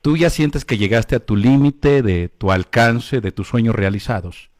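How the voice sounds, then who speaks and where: A man with a Mexico City accent hosts an interview, asking his guest playful questions. He keeps his replies short between her answers. His voice has a medium pitch for a man. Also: unhurried, a little mellow, no room sound, clean studio sound. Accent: Mexico City Spanish. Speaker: radio host.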